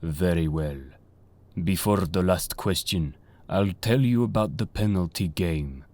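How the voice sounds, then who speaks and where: A low, unhurried man's voice with a dark tone plays a solemn, menacing mystical Egyptian avenger in an audio drama. He speaks gravely and portentously, acting dramatic audio manga over prominent dramatic music.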